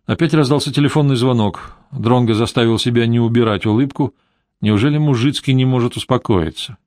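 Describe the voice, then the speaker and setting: Мужчина читает детективный роман вслух ровным, спокойным голосом. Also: male voice, mid-range voice, a little fast, darkish tone, no echo, studio quality. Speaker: audiobook narrator. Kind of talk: scripted narration.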